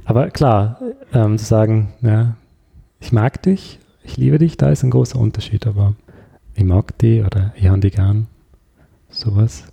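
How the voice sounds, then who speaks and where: Speaking with a lowish, gravelly voice that is mellow and slightly rough, this Austrian man keeps a measured pace. As a casual interview guest he thinks out loud, hesitant and reflective, frequently searching for words.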